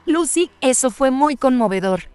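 A woman's voice: high voice, lively intonation, normal speed, over music. A woman speaking as a talent show judge, giving encouraging feedback. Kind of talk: dubbed television talk.

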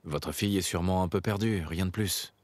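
An actor voicing a calm male detective as the player character in a video game, speaking matter-of-factly. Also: low voice, a little fast.

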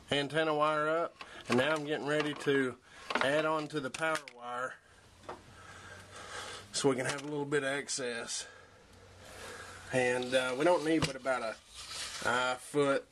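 A young man hosting a DIY preparedness channel gives a casual, matter-of-fact hands-on tutorial in a mid-range voice with fairly even intonation, a measured pace and frequent pauses. He's outdoors in a yard and in a wooden workshop, recorded on the camera's own mic, so the handheld audio is noisy.

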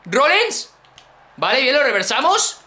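Excitable high-voiced Spanish gamer. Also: male voice, measured pace, reverberant. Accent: Peninsular Spanish. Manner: excitable, exclaims and repeats phrases, addresses viewers. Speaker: gaming YouTuber. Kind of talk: excited let's-play commentary.

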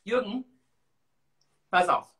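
A woman in her forties hosting a casual live stream, chatting in an expressive, exclamatory way. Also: medium pitch, takes it slowly. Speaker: host of a live-stream talk show. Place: small tiled room indoors.

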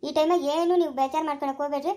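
A performer playing a reassuring young village husband in a rural family drama, talking in a soothing, steady way with a rural Chikkaballapura Kannada accent. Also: very fast, natural voice. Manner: soothing, steady, low-key.

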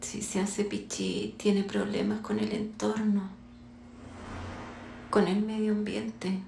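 A curt, creaky-voiced counselor. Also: female voice, medium pitch, slow, roomy sound, slight background noise, full character voice. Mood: matter-of-fact. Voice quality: flat, terse explanations. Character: calm curt female counselor, matter-of-fact. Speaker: counselor advising a parent. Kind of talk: film drama.

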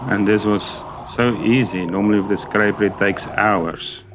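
A man's voice: on the low side, fairly even intonation, moderate pace. A man in his fifties explaining a boat cleaning job in a casual vlog, step by step, aboard a catamaran and filmed on a close-held action camera. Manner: plain, step-by-step explaining with restarts. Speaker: sailing vlogger. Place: aboard a catamaran, outdoors on deck. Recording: noisy outdoor boat recording.

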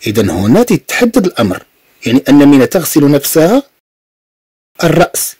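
A man with a Moroccan Arabic accent teaching a French lesson, patiently repeating words slowly and explaining them step by step. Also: a little high, big pitch swings, a little mellow, breathy edge, dry recording. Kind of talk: language lesson with pronunciation drills.

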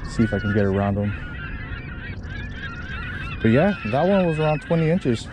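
A man vlogging from a kayak, giving relaxed, casual commentary to the camera between casts, recorded on a chest-mounted action camera outdoors. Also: medium pitch, moderate pace, background noise. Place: on a kayak out on open water.

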